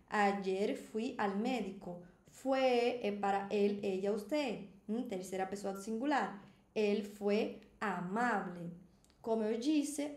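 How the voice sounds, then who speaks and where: A woman teaching Spanish pronunciation in a chatty, animated way, often checking in with the learner. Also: on the high side, echoey room. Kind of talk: video language lesson.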